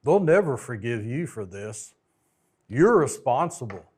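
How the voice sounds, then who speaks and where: A man's voice: mid-range voice, very animated, a little slow, a little mellow, breathy edge. A man voicing a scheming villainous male lion in a storytelling sermon, with a sly, guilt-tripping manner. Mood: accusing.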